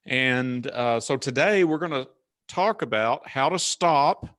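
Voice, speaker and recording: A man with a Southern US accent, hosting a casual webinar in a relaxed, chatty way with fillers and restarts. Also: medium pitch, slow. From Southern United States. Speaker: webinar host.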